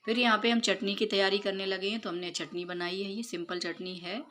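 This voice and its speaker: A woman's voice: medium pitch, steady tone, brisk, fairly bright tone, slight background noise. A woman in her thirties, a mother, chatting through a home cooking and chores vlog, explaining each step with many fillers. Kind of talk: casual voice-over narration of cooking and chores. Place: home kitchen.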